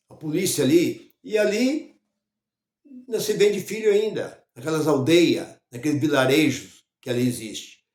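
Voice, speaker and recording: A Brazilian pastor preaching a sermon, telling stories and acting out the dialogue, sometimes loud and sometimes hushed. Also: male voice, on the high side, echoey room. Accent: Brazilian Portuguese. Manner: retells stories acting out dialogue, varies loudness widely. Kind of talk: sermon storytelling.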